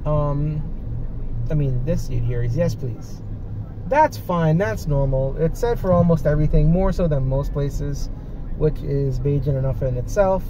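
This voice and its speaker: A man's voice: a little high, moderate pace. A man from the United States chatting casually and telling stories, often acting out quoted phrases. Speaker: visitor in conversation. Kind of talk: casual chat, storytelling. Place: inside a car on a road at night. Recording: noisy car interior with road noise.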